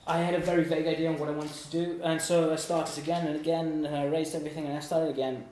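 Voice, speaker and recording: Speaking at a quick pace, a student presenter in his twenties from Germany and Italy has a slightly high, slightly mellow voice with little pitch movement. His informal meetup talk in an indoor room is hesitant, rambling and self-deprecating, recorded by a distant room mic with echo and background noise.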